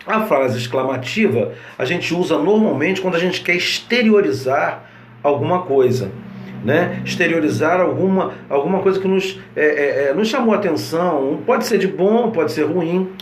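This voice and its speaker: A man's voice: a little high, reverberant. A man explains grammar over slides in a conversational way, often checking in with his listeners. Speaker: teacher.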